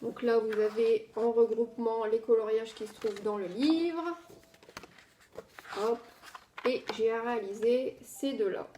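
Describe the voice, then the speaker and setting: A woman's voice: a little high, fairly even intonation, measured pace, dark tone, slight background noise. A woman presenting her coloring books in a casual haul video, chatty, with many hesitant fillers. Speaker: coloring book vlogger.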